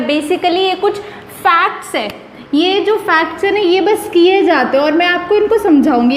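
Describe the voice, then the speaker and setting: High-voiced woman teaching grammar, echoey room. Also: a little hiss or hum. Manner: chatty and emphatic, mixing English phrases into explanations. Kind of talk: casual explanatory lesson.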